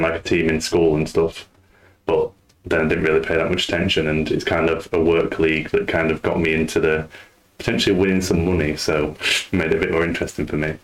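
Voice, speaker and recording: A man hosting a casual podcast chat, talking in a relaxed, rambling way. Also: low voice. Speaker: podcast host.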